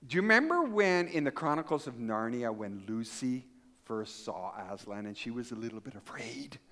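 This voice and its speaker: Speaking at medium pitch and normal speed, a pastor from Canada tells a story to a mixed congregation of kids and adults. He's an animated storyteller who does the characters' voices and quizzes the crowd.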